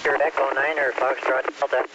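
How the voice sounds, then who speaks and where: A man checking in to an amateur radio net, speaking haltingly while his signal breaks up and the call drops out. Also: medium pitch, flat delivery. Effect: signal breaking up, call dropping out. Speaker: ham radio operator checking in. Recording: muffled hissy two-way radio.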